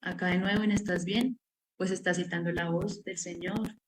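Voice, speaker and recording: A woman's voice: fairly low pitch, fairly even intonation, brisk, a little hiss or hum, poor audio. A woman giving an academic seminar presentation, explaining her research step by step with many filler words. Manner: explanatory, walks through steps with frequent "pues" fillers.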